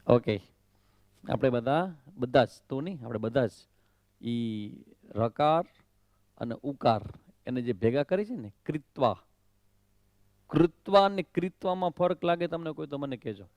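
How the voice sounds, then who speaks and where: A man's voice: mid-range voice, animated, unhurried, pauses often, darkish tone, no room sound. A swami teaching correct Sanskrit pronunciation of the Gita, drilling syllables over and over, questioning his students and slipping in English phrases. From Kutch, Gujarat.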